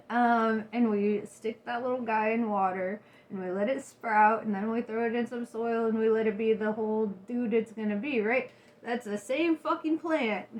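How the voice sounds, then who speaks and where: A woman with a fairly high voice talks like she is stoned, wandering loosely through a casual rant to her followers. She is giggly and slangy, with a salty tongue and an easy, rambling way of getting to the point. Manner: giggly, laughs often while talking; salty, slangy, swears freely. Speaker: vlogger.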